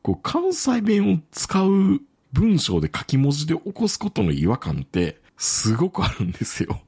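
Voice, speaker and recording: A man's voice: moderate pace, gravelly, breathy edge. A man, telling a story in casual chat as podcast co-host, laughing often. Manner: animated storytelling, swoops up in pitch, laughs often.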